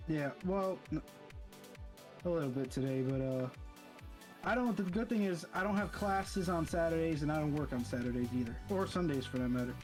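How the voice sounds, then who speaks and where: A man's voice: fairly high pitch, animated, normal speed, darkish tone, faint music behind. A young man, a college student, chatting casually over a voice call, rambling and stumbling over his words. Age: young adult.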